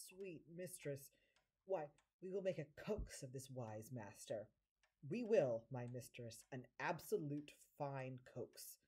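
Playing an impish devil masquerading as a scheming, obsequious manservant, an amateur actress delivers flattering, theatrical lines like early stage comedy in an audio drama. Her low, exaggerated voice has a breathy edge, captured on a rough recording.

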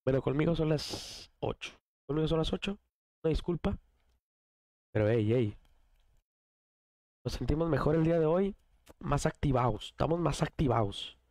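Mexican male streamer, mid-high voice, cough-roughened, dry close mic, hyped slangy chatter. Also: normal speed, pauses often, darkish tone, dry recording. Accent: Mexican Spanish. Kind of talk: casual live-stream chat.

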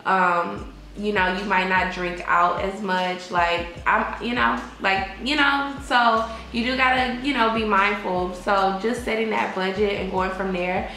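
A woman's voice: medium pitch, fairly even intonation, measured pace, hardly any pauses, sharp tone. Young woman, echoey room. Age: young adult. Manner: conversational, emphatic, peppered with "like" and "you know". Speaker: vlogger giving advice to expat English teachers. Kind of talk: casual advice chat to camera. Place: small indoor room with bare walls.

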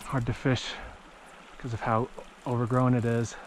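A thirty-something fishing vlogger records with a head-mounted action camera beside a small creek in an open mountain valley, narrating the trip and excitedly exclaiming at each catch. He speaks at a medium pitch and moderate pace, and the audio is poor, with a little hiss or hum.

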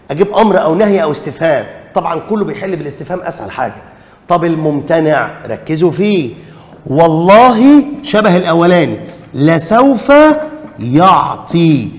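A man's voice: high voice, reverberant, long reverb tail. A man with an Egyptian Arabic accent teaching an exam revision lesson, emphatic, repeating key rules and quizzing his students.

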